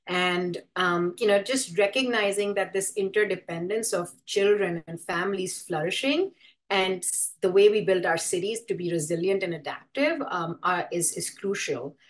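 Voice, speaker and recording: This woman presenter has a fairly low-pitched voice and speaks Hindi as her first language. With a background in urban design, she delivers a conversational presentation to an online or live audience, thoughtful and explanatory, often stopping to put things another way.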